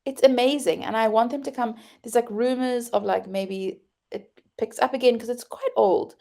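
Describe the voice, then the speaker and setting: Gravelly-voiced woman podcast co-host. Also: a little high, normal speed. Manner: chatty, animated, laughs often. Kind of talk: casual chat.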